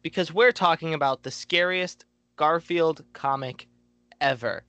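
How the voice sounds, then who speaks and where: A man's voice: a little high, a little slow, a bit bright, smooth, no room sound. A man hosting a podcast, chatting casually in a jokey, rambling way and laughing easily. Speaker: podcast host. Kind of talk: casual chat.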